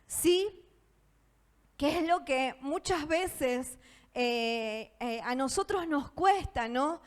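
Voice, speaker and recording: A woman's voice: high-pitched, expressive, very slow. A woman pastor with a Rioplatense Spanish accent, preaching a sermon in a church auditorium, earnest and often asking her listeners for agreement. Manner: earnest, asks the audience for agreement, laughs between points.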